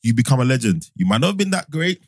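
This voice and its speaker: A man co-hosting a casual football podcast, arguing his point provocatively and laughing loudly at the others. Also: mid-range voice, sing-song, fast talker, no echo. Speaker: podcast co-host.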